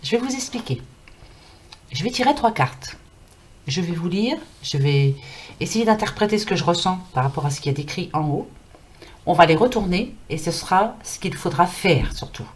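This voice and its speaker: A French card reader gives a casual tarot reading to camera in a lowish, expressive woman's voice at a moderate pace. She's chatty and reassuring, full of fillers, though her throat is scratchy and her voice is fading.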